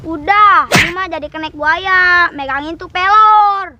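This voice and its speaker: Bossy, bickering youngster played by a woman, extremely high voice, Jakarta Betawi accent, noisy recording. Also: a little slow, sharp tone, lo-fi sound, full character voice. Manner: bickering, taunting. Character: bossy, teasing youngster playing with a slingshot. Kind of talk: comedy skit acting.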